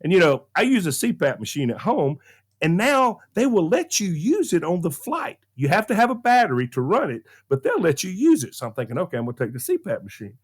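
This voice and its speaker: High-voiced and brisk, a Southern-accented middle-aged man recounts a humorous story on a talk show. The movie critic, a regular on radio, brings it to life by acting out the voices and laughing a lot.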